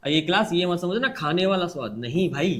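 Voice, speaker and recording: A male teacher leads an online lesson in a high, animated voice, his pitch swinging widely. He repeats each point and quizzes the class to answer back, talking casually like an older brother. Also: brisk. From India. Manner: repetitive call-and-response teaching; colloquial, addresses class as brother.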